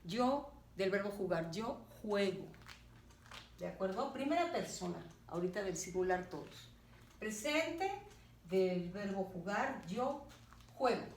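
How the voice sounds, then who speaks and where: A woman teacher gives a grammar lesson, talking slowly and deliberately and checking in with her students as she goes. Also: mid-range voice, animated. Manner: slow and deliberate, checking in with "¿de acuerdo?". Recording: roomy, distant, faint background noise.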